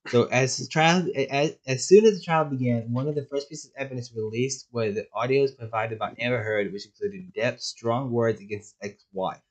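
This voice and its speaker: A man's voice: mid-range voice, normal speed, few pauses. A man co-hosting a casual podcast, rambling and restarting his sentences, with sarcastic asides. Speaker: podcast co-host.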